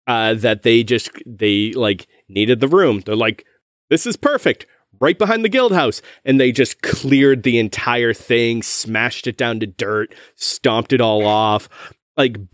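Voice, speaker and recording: A man runs a tabletop game as game master, describing scenes in a loose, rambling way. His voice sits at a middle pitch. The recording is dry and close. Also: smooth, dry recording. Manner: rambling, casual, many fillers and restarts.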